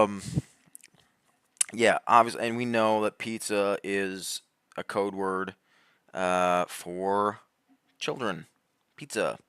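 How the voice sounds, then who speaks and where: A man giving heated, rambling commentary, laughing often and swinging between loud outbursts and low muttering. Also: clear, resonant tone, dry recording, studio quality. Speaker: commentary host. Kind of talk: animated conspiracy commentary.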